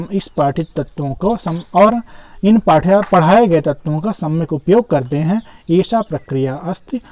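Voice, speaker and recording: A man teaching an exam-prep lesson, reading each question aloud and then explaining it to viewers he calls friends. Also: high-pitched. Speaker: teacher solving an exam paper. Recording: dull, dry, lo-fi recording.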